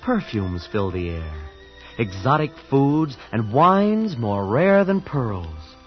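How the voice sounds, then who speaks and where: A man's voice: medium pitch, sing-song, slow. An actor playing a wide-eyed young man from a small town who tells his own story in an earnest, awed, shy way, in an old radio drama. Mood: reflective. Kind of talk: 1940s radio acting with first-person narration. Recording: muffled old radio recording with music behind.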